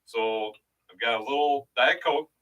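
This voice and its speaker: A man co-hosting a live drinks show, mixing a drink while chatting in lively, mock-serious banter. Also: mid-range voice, unhurried, recorded from a distance. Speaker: co-host of a live rum show. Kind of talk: casual live-stream banter.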